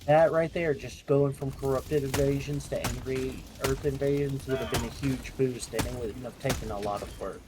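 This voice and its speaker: A man's voice: medium pitch, steady tone, normal speed, few pauses. A man talking casually about gaming as a fellow player. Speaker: video game player. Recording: clearly noisy voice recording with clicks.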